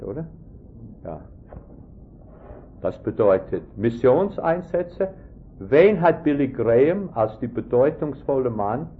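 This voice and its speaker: A man preaching a sermon with emphasis, quizzing his listeners with rhetorical questions in halting, ungrammatical phrasing. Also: mid-range voice. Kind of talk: sermon to a congregation. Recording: tinny phone-like lo-fi recording, faint hiss.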